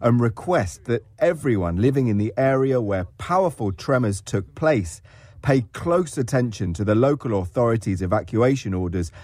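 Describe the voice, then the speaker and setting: A man speaks as a live interpreter over an official statement, his words slow and formal. He sounds set back from the mic, and his tone is dry and close. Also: medium pitch, expressive, warm tone, dry recording. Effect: live interpreter voice over a speech. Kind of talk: measured simultaneous interpretation.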